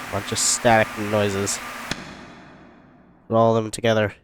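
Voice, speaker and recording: A man giving casual let's-play commentary on a music game, relaxed and hesitant with many fillers. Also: fairly low pitch, background noise. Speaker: gaming YouTuber. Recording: music playing behind the voice.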